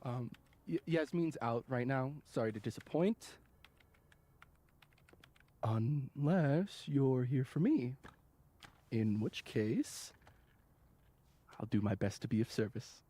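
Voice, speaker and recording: A man's voice: medium pitch, moderate pace, darkish tone, natural voice. An actor playing a flirty, theatrical male university office assistant in a video game, teasing and sarcastic.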